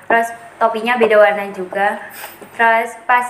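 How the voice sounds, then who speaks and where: A young woman guest telling a lively story in a casual chat. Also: fairly high pitch, normal speed. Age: young adult. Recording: echoey room with faint noise.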